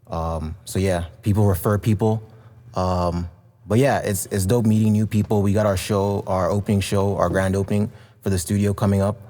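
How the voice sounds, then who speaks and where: A man from Canada co-hosting a podcast and chatting casually, relaxed and rambling with plenty of fillers. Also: lowish voice, moderate pace, long reverb tail. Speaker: podcast co-host and studio owner. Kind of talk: casual chat.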